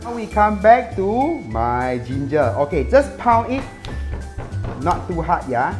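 A middle-aged man hosting a casual cooking show, chatty and excitable, switching between English and Mandarin, recorded on a lapel mic at a market and in his home kitchen. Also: high voice, takes it slowly, over music.

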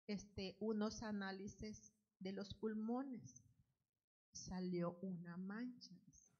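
A woman giving an earnest spoken testimony at the altar of a church, in unhurried, loosely strung phrases. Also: medium pitch, steady tone, warm tone, breathy edge, lo-fi sound. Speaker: church member giving testimony, Bible study leader.

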